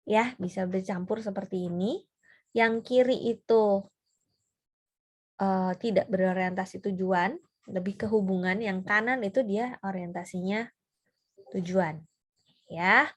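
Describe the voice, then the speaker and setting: A woman giving a casual seminar talk on personality types, chatty and full of fillers and tag questions. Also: a little high. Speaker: trainer.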